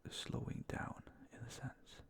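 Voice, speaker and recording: Close to a microphone with a fluffy cover, an ASMR video maker whispers in a soft, breathy, creaky voice. His rambling, casual delivery is slow and hesitant, and his manner feels mindful and self-effacing.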